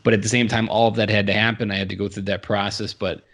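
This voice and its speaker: A man's voice: on the low side, level tone, quick pace, a bit bright. A man in his thirties, a podcast guest, telling his story in an earnest, reflective way. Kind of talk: casual interview conversation.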